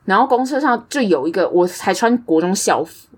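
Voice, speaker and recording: A woman's voice: mid-range voice, a little fast, slightly rough. A young woman with a Taiwanese Mandarin accent, co-hosting a podcast and telling stories in casual chat, acting out the voices she quotes. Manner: animated storytelling, acts out quoted voices. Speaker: podcast co-host.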